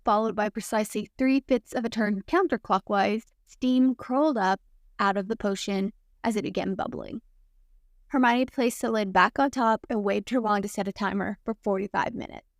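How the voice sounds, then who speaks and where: A woman reading a fanfiction story aloud in an even, measured way. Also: mid-range voice, dry recording, clean studio sound. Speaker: fanfiction narrator. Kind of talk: audiobook narration.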